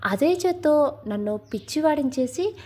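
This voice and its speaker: A woman voicing a hurt, quick-tempered young husband in a Telugu audio story, in an emotional, reproachful way. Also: high-pitched, animated, warm tone, voice pushed up. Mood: angry.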